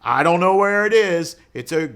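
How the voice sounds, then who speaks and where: A man with a high, animated voice talks at a normal pace, his tone fairly bright, clear and resonant. He's a criminal defense lawyer giving an informal explainer to camera, conversational and colloquial, often asking rhetorical questions.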